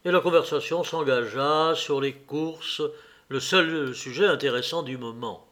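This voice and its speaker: A man narrating a classic novel aloud in a measured, even manner. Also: a little high. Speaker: audiobook reader.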